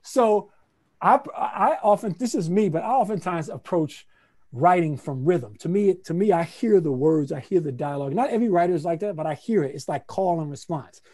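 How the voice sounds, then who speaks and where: Animated male playwright scatting rhythms. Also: high voice, normal speed. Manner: animated, scats rhythms aloud; conversational, repeats phrases for emphasis. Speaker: playwright teaching a masterclass. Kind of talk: lively online workshop teaching.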